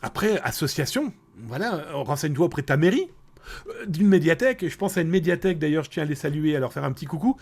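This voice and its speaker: A man's voice: on the high side, animated, fast talker, gravelly, a little mellow. A middle-aged man from France hosting a casual live stream, chatting with viewers, reading their messages aloud and thanking them by name, laughing often.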